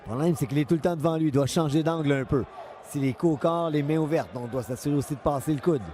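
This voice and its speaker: A man's voice: fairly high pitch, fast, warm tone. A man with a Quebec French accent giving live, unscripted boxing commentary, analytical and often repeating his phrases.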